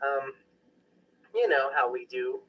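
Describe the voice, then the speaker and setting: A man's voice: medium pitch, level tone, takes it slowly, husky, recorded from a distance, muffled recording. A young man casually introducing his mixtape tracks, joking and boasting, getting over a sickness. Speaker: amateur rapper presenting his mixtape.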